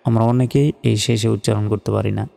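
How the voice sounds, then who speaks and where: A man with a Bangladeshi accent teaching Quran reading step by step, spelling out letters and vowel marks and then reciting each word slowly and drawn out. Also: lowish voice, fairly even intonation, gravelly, dark tone, in a large hall.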